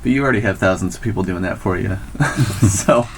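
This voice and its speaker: Chatty low-voiced man, rambling. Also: quick pace, a little hiss or hum. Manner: chatty, rambling, full of fillers. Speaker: student radio interviewer. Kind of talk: casual interview.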